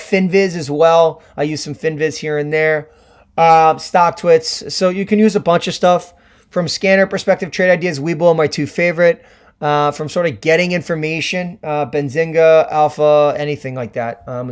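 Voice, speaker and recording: Hoarse man explaining trades on a livestream. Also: fairly high pitch. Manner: chatty, many ums and restarts, explanatory. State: hoarse from screaming at games. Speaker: livestream trading host. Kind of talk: casual Q&A livestream, answering chat.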